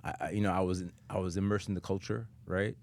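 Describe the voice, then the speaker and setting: A man in his forties hosting a casual interview in an easygoing way, with lots of fillers and quick agreements. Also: deep voice, level tone, vocal fry, a little mellow. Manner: easygoing, with frequent "right, right" and fillers. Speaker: podcast host.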